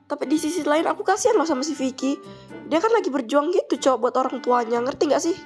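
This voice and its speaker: A woman's voice: high voice, animated, quick pace, soft background music. A woman doing Nes, blunt gossipy schoolgirl. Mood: smug. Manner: blunt, teasing, slangy. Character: Nes, sharp-tongued teenage schoolgirl who loves gossip. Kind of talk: casual role-play drama voices.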